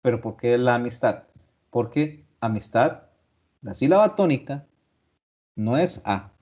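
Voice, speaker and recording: A male teacher lecturing in an online class at a middle pitch. He works through points step by step, asks rhetorical questions and repeats key terms. The audio sounds dull and lo-fi. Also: animated, measured pace, a little mellow.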